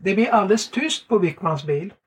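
A Swedish man sharing a faith testimony in lively storytelling, animated and laughing often. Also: sits high. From Sweden.

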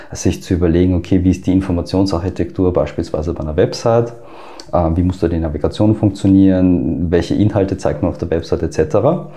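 Speaking low and with a dark tone, an Austrian-accented man appears as an interview guest expert. He gives long explanations, hesitating often with frequent filler sounds.

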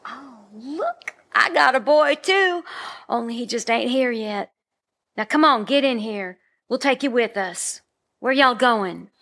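A woman's voice: a little high, expressive, a little slow, fairly bright tone, heavily acted. An actress playing a kind, motherly woman driving a car. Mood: tender. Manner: kindly, motherly, drawling. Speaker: lead character Thyme.

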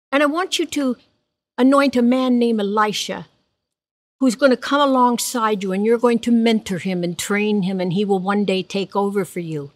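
A woman giving voice to a calm, gentle God in a sermon, speaking low and quietly. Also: no echo, close to an everyday voice. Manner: low, soft and unhurried. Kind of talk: retelling a scripture story in a sermon.

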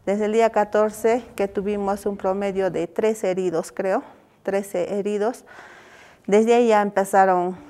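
A Peruvian woman gives measured documentary testimony, carefully recounting dates. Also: mid-range voice, a little mellow. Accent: Peruvian Spanish.

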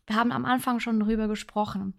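A woman's voice: on the high side, steady tone, fast talker, gravelly. A woman talking casually on her self-help podcast, thinking aloud and giving earnest advice. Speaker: podcast host.

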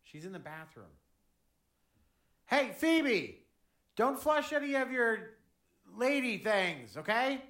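A woman's voice: on the high side, very animated, fairly bright tone, full character voice. A woman doing a clueless dad. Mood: oblivious. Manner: slow, oblivious. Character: clueless cheerful middle-aged dad.

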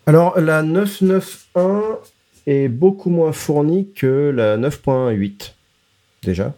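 A man's voice: a little high, slow, warm tone. A man co-hosting a casual tech podcast, explaining product releases with frequent hesitations and English tech terms mixed in.

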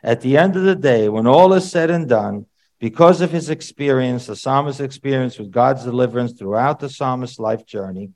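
A man preaching a sermon to a congregation in a conversational way, with rhetorical questions and sudden loud emphatic bursts. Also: mid-range voice, normal speed.

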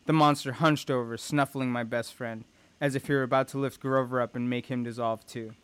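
Clear-voiced man narrating an audiobook. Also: medium pitch, fairly even intonation, brisk, no echo. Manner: tense, dramatic storytelling. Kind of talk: first-person audiobook narration.

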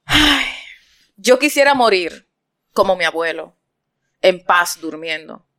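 Giggly woman telling jokes with friends, slow and sing-songy. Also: on the low side, animated, fairly bright tone. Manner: giggly, playful. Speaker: joke teller. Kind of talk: casual joking chat.

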